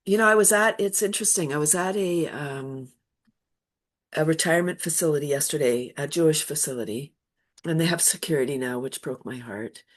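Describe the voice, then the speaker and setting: A woman's voice: deep voice, a little fast. A woman from Canada, a laughter yoga guest, chatting casually in an interview and telling stories that she acts out with quoted voices and frequent laughs. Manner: warm storytelling, laughs often, acts out quotes.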